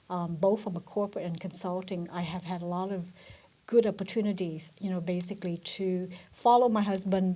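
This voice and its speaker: A woman's voice: lowish voice, dark tone. A middle-aged woman from Vietnam, a guest in a business interview, speaking thoughtfully with frequent fillers and restarts. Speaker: guest, benefits director. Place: corporate office.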